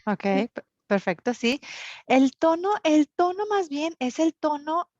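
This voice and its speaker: A woman's voice: high voice, lively intonation, unhurried, a little mellow, dry recording. Woman teacher w/ monterrey accent, explains w/ lots of fillers, dull dry lo-fi sound. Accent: Monterrey Mexican Spanish. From northern Mexico. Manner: explains with many fillers and tag questions. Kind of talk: online class lecture. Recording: dull, lo-fi recording.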